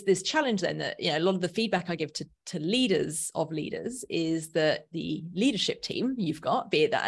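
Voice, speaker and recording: A woman in an informal podcast discussion, thinking aloud and often rephrasing as she explains. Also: sits low.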